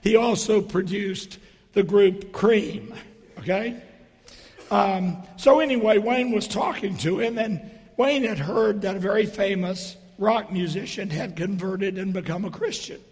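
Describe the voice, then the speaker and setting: A middle-aged or older man giving a sermon in a hoarse stage whisper, his voice almost gone, speaking deliberately with pauses between phrases. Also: sits high, a little mellow. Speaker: preacher. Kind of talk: sermon with storytelling and dry humour. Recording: reverberant hall.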